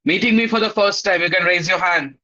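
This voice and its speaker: A male teacher with an Indian accent speaks in a fairly high voice through slightly dull, lo-fi audio. He runs a live online class for children, casually greeting and checking in with them in an upbeat, encouraging manner. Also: brisk, bright, forceful tone.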